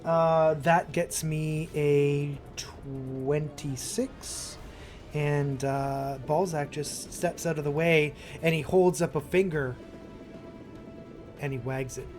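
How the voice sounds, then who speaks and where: A man with a slightly high voice talks through his dice rolls at a very unhurried pace, pausing on fillers. Music plays clearly behind him. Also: fairly even intonation. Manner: slow, deliberate with fillers. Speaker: player. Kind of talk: casual chat.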